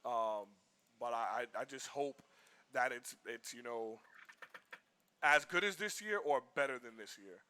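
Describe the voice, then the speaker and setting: Brief: man for a stream co-host, rambling and animated, crisp bright tone. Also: mid-range voice, unhurried, pauses often, a little hiss or hum. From Boston, US. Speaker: livestream co-host. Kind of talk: casual chat.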